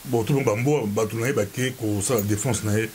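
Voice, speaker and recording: A man, a pastor hosting a talk show, who cuts in quickly and sums up the discussion. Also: fairly low pitch, fairly even intonation, darkish tone. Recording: faint hiss on the line.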